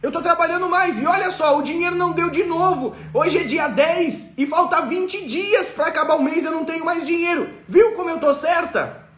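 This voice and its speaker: A whiny, exasperated everyday woman sighs through her complaints, as a female speaker puts her on. The voice sits very high and sounds full of self-pity. The recording has a roomy echo around it. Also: moderate pace, fairly bright tone.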